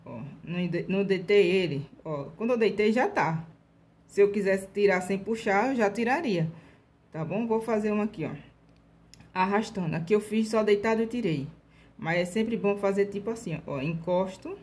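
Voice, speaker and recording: A woman's voice: mid-range voice, a little mellow. A Brazilian woman hosting a casual nail art tutorial, chatty, checking in with her viewers constantly as she demonstrates brush strokes step by step. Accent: Brazilian Portuguese. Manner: slow, deliberate demonstration while painting.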